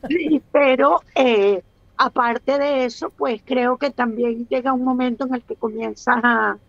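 A woman's voice: high voice, steady tone, unhurried, no room sound, dull audio. A Venezuelan woman in her sixties, a guest speaking on a video call, thoughtful and hesitant with many restarts. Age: 60s. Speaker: guest, actress. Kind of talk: casual interview chat.

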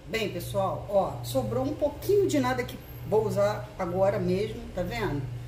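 A woman's voice: medium pitch, lively intonation, normal speed, dark tone, far from the mic. Brazilian woman cooking host, chatty step-by-step demo, roomy kitchen, mic set back, noisy background. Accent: Brazilian Portuguese. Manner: chatty, explains each step to viewers. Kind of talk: casual cooking demonstration. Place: home kitchen.

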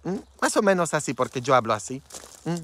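A man's voice: mid-range voice, sing-song, brisk, a bit bright, a little hiss or hum. A man, a priest whose first language is Polish, preaching in a frank, tender way and often adding "mm?" to check in with listeners. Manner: frank and tender, with constant "mm?" tag questions. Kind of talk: informal preaching talk.

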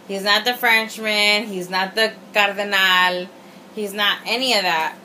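A woman's voice: mid-range voice, steady tone, a little slow, pushed and bright. A young adult woman giving a casual, opinionated video review, rambling tipsily with emphatic swearing and slang and slipping some Spanish in. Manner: tipsy, rambling drunk talk; mixes Spanish into English. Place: small indoor room at home. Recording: faint room noise.

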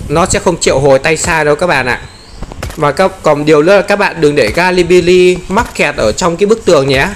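A man giving excited gameplay commentary, often exclaiming and playfully taunting enemies. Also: fairly high pitch, fairly quick, slight background noise.

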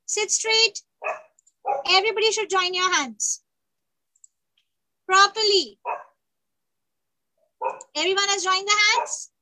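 A woman's voice: very high voice, drawn-out words, pauses often, bright, forceful tone, poor audio. A woman teaching children over a video call, chanting verses line by line in a half-sung call and repeat.

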